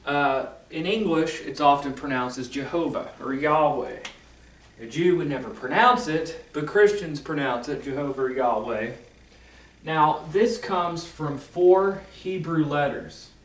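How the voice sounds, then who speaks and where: A man with a somewhat high voice gives a casual lecture on esoteric ideas. He speaks slowly, wanders off topic and corrects himself as he goes. He sits at a distance from the mic in a roomy, echoey space. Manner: rambling, self-correcting, filler-heavy. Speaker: esoteric teacher.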